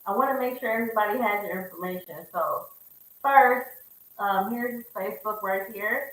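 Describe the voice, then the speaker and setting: A woman's voice: medium pitch, normal speed, a bit bright, far from the mic. Woman host of a live-stream chat, easy laughter, strong room echo. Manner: laughs often, affirming "okay". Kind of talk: casual live-stream interview.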